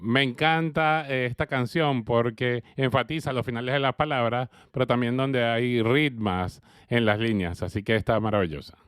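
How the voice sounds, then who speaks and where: A man interpreting an early childhood education lecture, speaking slowly and haltingly with frequent fillers. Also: medium pitch, fairly even intonation, a bit bright, smooth, no room sound, studio quality. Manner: hesitant, with frequent fillers and uneven pace.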